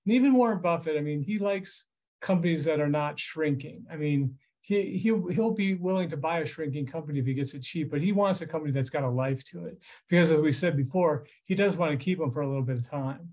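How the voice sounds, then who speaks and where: An American financial journalist in his fifties, interviewed as an expert over a video call, gives informal, explanatory commentary from a small furnished room at home. He speaks briskly in a somewhat high, slightly mellow voice.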